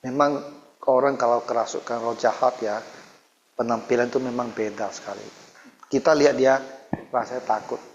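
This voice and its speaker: A man's voice: mid-range voice, steady tone, moderate pace, long pauses, slight background noise. A man teaching a Bible lesson, telling the story with animation and quizzing his listeners. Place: church hall. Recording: dull recording in a reverberant hall.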